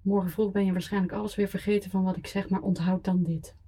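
Icy ex-wife, read by a woman, controlled, cutting, iron-voiced, husky, audiobook. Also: mid-range voice, level tone, quick pace, dark tone. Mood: icy contempt.

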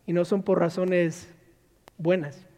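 A male pastor delivers a sermon in a high, mellow voice. He moves between rhetorical questions and acted-out quotes. A long hall reverb trails behind every phrase. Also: flat delivery, slow pace.

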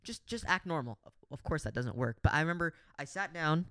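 A man's voice: a little high, fairly quick, no echo, clean studio sound. A young man co-hosting a podcast, telling a story in casual chat with lots of swearing and acted-out quotes of himself. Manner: animated, swears a lot, acts out his own lines. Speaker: podcast co-host.

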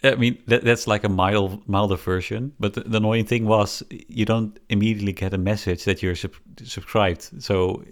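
A man's voice: on the low side, fairly even intonation, normal speed, hardly any pauses. A man co-hosting a podcast in casual chat, talking hesitantly with restarts and frequent laughs. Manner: hesitant, many restarts and fillers, laughs often. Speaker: podcast co-host.

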